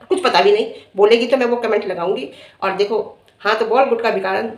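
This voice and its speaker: A woman's voice: mid-range voice, brisk. A middle-aged woman vlogger who scolds and taunts a rival directly in a confrontational rant. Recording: echoey room.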